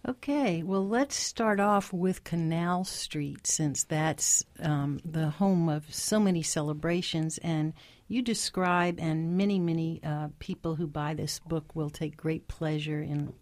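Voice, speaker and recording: New woman hosting an interview, really low voice, dry sound, prompts the guest. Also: unhurried, a little mellow, no room sound. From New Orleans. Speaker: interview host. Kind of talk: casual interview.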